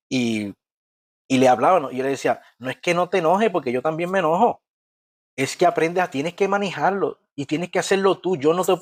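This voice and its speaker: A man's voice: fairly high pitch, no room sound. Earnest man teaching in church. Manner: earnest, repeats and restarts words, asks "¿ves?". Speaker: church family-life speaker.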